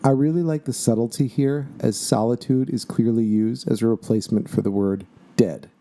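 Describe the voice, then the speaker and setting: Mellow, calm museum guide, a man. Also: medium pitch, normal speed. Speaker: exhibit tour guide. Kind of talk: scripted narration, audio-tour style.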